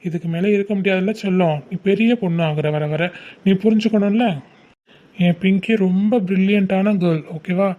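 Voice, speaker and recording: A woman voicing a young male uncle, a college student, who gently coaxes his niece. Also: mid-range voice, fairly even intonation, normal speed, narrow, tinny audio, natural voice. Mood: coaxing. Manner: soothing, coaxing, repeats "okay?".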